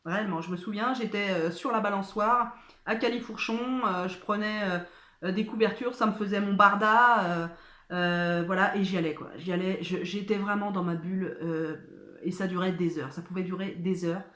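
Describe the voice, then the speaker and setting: A woman's voice: mid-range voice, fairly even intonation, normal speed, fairly bright tone. A woman chatting casually as she answers viewer questions, hesitant, with many fillers and restarts. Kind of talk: casual chat. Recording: echoey room.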